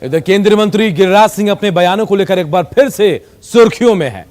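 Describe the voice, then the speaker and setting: Male TV anchor, scripted news voice-over, somewhat high pitch. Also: fast talker, darkish tone, soft background music.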